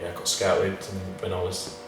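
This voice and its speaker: A man's voice: deep voice, completely flat delivery, normal speed, music in the background. A man who plays football, answering casually in a hesitant, understated, self-deprecating way. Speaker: football player. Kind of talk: casual interview chat. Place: reverberant indoor room. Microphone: distant from the speakers. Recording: very echoey room, distant mic, faint noise.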